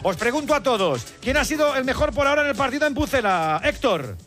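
A man hosting a lively radio sports show, throwing to reporters around the grounds. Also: very high voice, quick pace. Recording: music bed behind.

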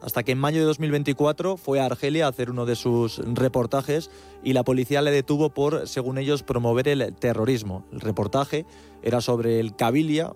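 A man's voice: medium pitch, darkish tone. A man hosting a sports radio show, introducing a guest with a presenter's delivery and small hesitations. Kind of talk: radio interview.

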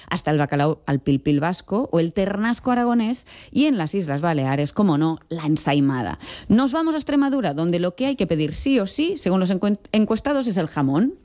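A woman reporting survey results on a radio show, reading them out eagerly. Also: lowish voice. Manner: lively, reads out results eagerly.

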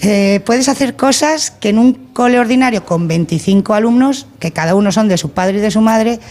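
Lady teacher, warm and emphatic about her tiny school. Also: medium pitch, normal speed. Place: small rural school.

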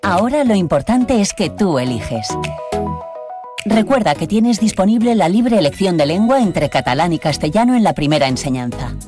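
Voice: medium pitch, big pitch swings, normal speed, music in the background. An announcer reading a scripted public service ad.

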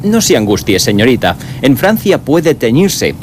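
An actor playing a polite, unflappable and pedantic chauffeur in an audio drama, speaking formally and deliberately. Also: male voice, medium pitch, big pitch swings, slight background noise, lightly acted. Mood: calmly reassuring.

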